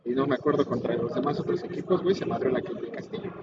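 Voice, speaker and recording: A man's voice: mid-range voice, fast. A Mexican man with a casual, opinionated, foul-mouthed way of ranting in heavy slang. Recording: muffled lo-fi audio, clear vehicle noise.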